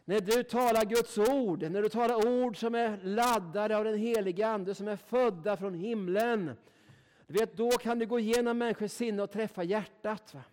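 High-voiced, folksy Swedish-speaking preacher man. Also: a little mellow. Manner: folksy, emphatic, keeps asking "va?". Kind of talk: sermon.

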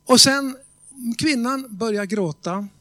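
A man preaching a sermon in a conversational storytelling way, often checking whether the congregation is following and slowing down to stress key words. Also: extremely high pitch, fairly bright tone, no echo. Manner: tells stories with quoted voices and emphatic slow stresses.

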